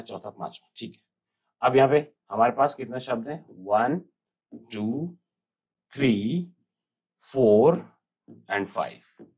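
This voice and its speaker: A man teaching a school English lesson, explaining in Hindi, spelling words out letter by letter and repeating them slowly. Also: mid-range voice.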